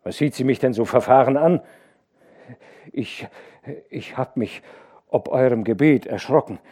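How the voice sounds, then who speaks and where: A man reading an audiobook, voicing an old nurse who is frightened and scolds bluntly, a little higher than his own voice. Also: unhurried, dark tone, breathy edge. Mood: shocked scolding. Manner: scolding, shocked.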